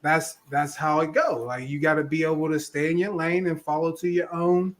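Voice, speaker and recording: A man's voice: on the high side, flat delivery, normal speed. A man, talking casually and animatedly, repeating himself as he makes his points on a video call. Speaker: podcast co-host.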